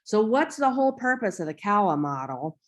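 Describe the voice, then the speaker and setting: A woman's voice: medium pitch, big pitch swings, fairly quick. An American woman giving an informal online lecture in a rambling, conversational way, often interrupting herself with asides. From United States.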